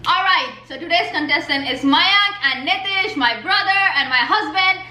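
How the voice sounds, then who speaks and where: A woman hosting a casual vlog in an excited way. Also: extremely high pitch, moderate pace. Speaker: vlog host. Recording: echoey room.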